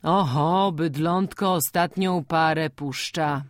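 A woman's voice: low voice, slow pace, no room sound, studio quality. A woman reading aloud voices a self-important old village man who talks solemnly and scornfully in country dialect. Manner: solemn, contemptuous dialect speech.

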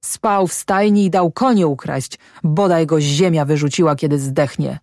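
A woman's voice: normal speed, a little mellow, no room sound, studio quality. A woman reading aloud, voicing a bitter peasant wife who curses the farmhand. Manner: shrill cursing.

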